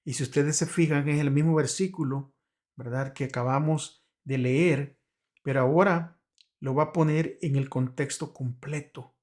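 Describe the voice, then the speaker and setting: A man's voice: a little high, steady tone, normal speed, a little mellow. A man reviewing a Sabbath school Bible lesson, explaining with frequent rhetorical "right?" checks and hesitant restarts. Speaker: Bible study teacher.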